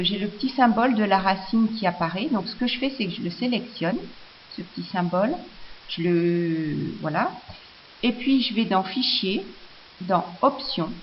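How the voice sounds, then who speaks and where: A woman talks through a screencast tutorial at a mid pitch, pausing often on fillers and restarting her sentences. The recording sounds a little dull and lo-fi, with a faint hiss underneath. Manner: hesitant, many fillers and restarts.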